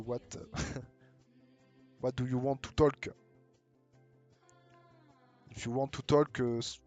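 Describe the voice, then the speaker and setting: Playing a mobile game on a live stream, a man from France chats casually with his viewers and cracks jokes in an ordinary mid-range voice. His English, when he uses it, is halting and heavily French-accented. Soft music plays faintly underneath.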